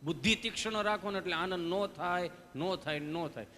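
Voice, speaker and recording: A man's voice: high voice, fairly quick, a little hiss or hum. A male folk comedian with a Kathiawadi Gujarati accent, telling stories on stage and acting out every part of the dialogue. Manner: animated, acts out dialogue in different voices. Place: stage before a live audience. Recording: reverberant hall with faint music.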